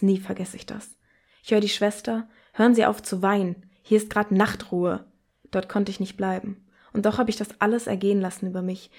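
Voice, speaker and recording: A young woman hosting a book podcast, reading poetry excerpts and talking about books in a calm, earnest way. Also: mid-range voice. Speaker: podcast host presenting books.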